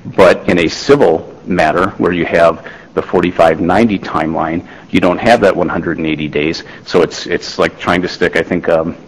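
A man, a lawyer, making a formal oral argument before a court, measured, with restarts and fillers. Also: deep voice, steady tone, breathy edge, in a large hall, low-quality recording. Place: large courtroom.

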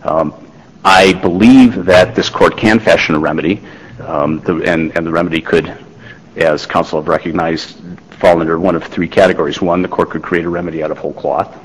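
A man, a lawyer, making a formal oral argument before a court, measured, with restarts and fillers. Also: deep voice, fairly even intonation, slightly rough, in a large hall, rough recording. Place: large courtroom.

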